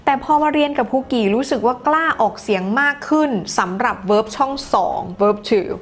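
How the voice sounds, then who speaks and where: Her voice is fairly high with lively intonation and a moderate pace. Reading out viewer comments on a live English lesson, this Thai-accented teacher laughs and chats while alternating between two languages.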